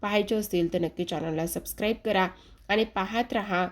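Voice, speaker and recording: Speaking a little fast at medium pitch, a woman casually recaps a TV serial episode, addressing her viewers directly and retelling the scenes in a running present tense.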